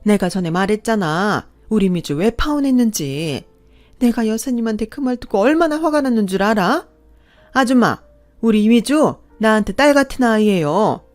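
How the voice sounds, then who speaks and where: A woman's voice: mid-range voice, expressive, moderate pace, faint music behind, lightly acted. A woman voicing a wealthy, fiercely protective middle-aged woman who talks indignantly and gives orders. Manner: indignant, commanding.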